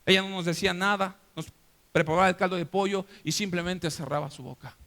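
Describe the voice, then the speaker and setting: Middle-aged Mexican male pastor, emotional sermon testimony, high and bright, reverberant hall. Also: fairly even intonation, fast. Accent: Mexican Spanish. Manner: emotional storytelling, acting out family voices. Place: church.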